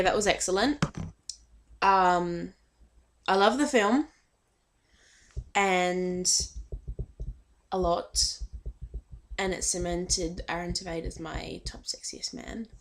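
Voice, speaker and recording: A young woman chatting casually in a fan vlog, hesitant and full of filler ums, a little shy. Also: on the low side. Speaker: vlogger.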